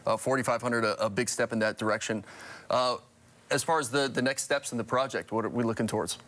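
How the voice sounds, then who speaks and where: A man's voice: medium pitch, steady tone, a bit bright. A man, interviewing guests as a morning news anchor in a TV studio. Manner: quick, conversational, with restarts.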